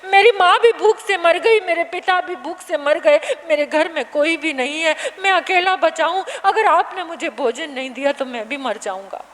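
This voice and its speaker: A woman's voice: very high voice, normal speed, few pauses, fairly bright tone. A woman voicing a starving, pleading beggar boy. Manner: desperate, repeats his pleas. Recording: reverberant hall, faint background noise.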